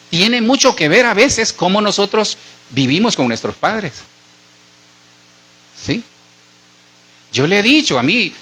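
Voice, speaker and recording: A middle-aged Colombian pastor preaches in a lively, rising and falling voice that swings between high and low. His tone is bright and ringing, a little high for a man. He talks to the congregation directly, as if chatting with them. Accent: Colombian Spanish. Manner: conversational preaching, addresses listeners directly. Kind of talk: sermon.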